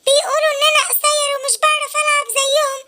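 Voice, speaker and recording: A voice actor playing a small, eager young male monkey in an Egyptian cartoon, squeaky and quick with an Egyptian Arabic accent. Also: flat delivery, bright, forceful tone, full character voice. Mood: pleading.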